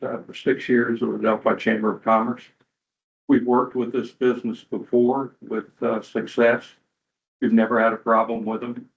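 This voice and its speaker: A man's voice: on the low side, gravelly. A middle-aged man, a city council member, making an earnest, plain-spoken appeal at a board hearing in a courtroom-style recording. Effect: courtroom-style hearing room recording. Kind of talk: public comment at a board hearing. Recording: dull muffled hearing room recording.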